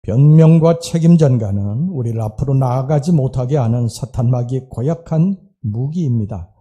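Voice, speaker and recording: A male pastor preaches in a church with a dark, mellow tone and a husky edge. He speaks earnestly, lifting his voice on key words and sinking into quiet, reflective asides. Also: medium pitch, animated, normal speed. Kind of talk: sermon. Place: church sanctuary.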